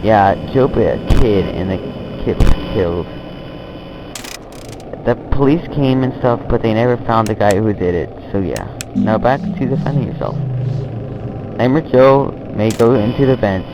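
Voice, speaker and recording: A man's voice: fairly low pitch, moderate pace, close to an everyday voice. A man playing a casual night-shift trainer who gives an offhand briefing in a horror game phone-call monologue, often trailing off. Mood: casual, warning. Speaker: phone guide briefing a new night guard. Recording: noisy amateur recording, clear background noise.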